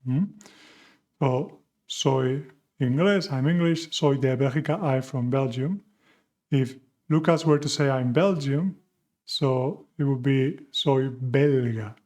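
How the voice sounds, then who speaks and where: A patient Spanish teacher takes things slowly in a beginner lesson, his medium-pitched voice a little mellow. He answers the questions he poses and uses both English and Spanish.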